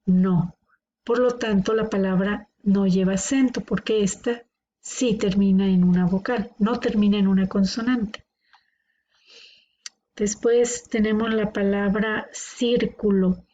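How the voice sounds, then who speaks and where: A woman gives a slow, patient grammar lesson, stretching each word out syllable by syllable. Her voice is mellow and unhurried. The recording is dull and lo-fi, with faint noise underneath. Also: mid-range voice, steady tone. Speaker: teacher. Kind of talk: classroom grammar explanation.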